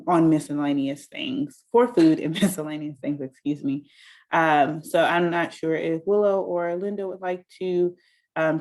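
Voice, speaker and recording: Moderator, friendly, lots of ums, medium pitch, video call. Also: a little mellow. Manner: friendly, filler-heavy. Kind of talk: reading audience questions.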